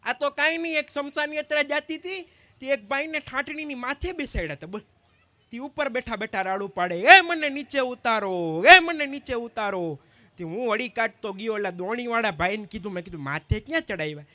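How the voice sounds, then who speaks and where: High bright-voiced comedian. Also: male voice, dry recording. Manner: quick anecdotal storytelling, acting out both sides of each exchange. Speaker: stand-up comedian at a community gathering. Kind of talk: live stand-up joke telling.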